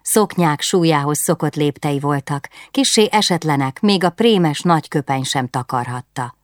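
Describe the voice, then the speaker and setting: A woman reading a historical novel aloud in calm, measured narration on a close studio mic. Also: deep voice, no room sound. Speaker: audiobook narrator.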